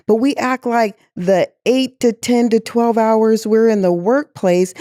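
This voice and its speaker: A woman's voice: mid-range voice, dark tone, dry recording, studio quality. A woman guest in an interview who speaks with passion, asks rhetorical questions and sighs heavily. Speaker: guest executive.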